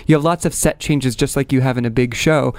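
A man's voice: mid-range voice, steady tone, brisk, no echo. A man co-hosting a casual interview, commenting and asking questions.

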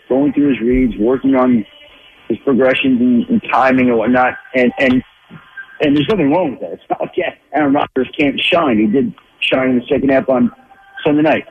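A man with a creaky, mid-range voice phones in as an NFL insider guest for some sports analysis. He thinks aloud, restarting and repeating words a lot, over a tinny phone line.

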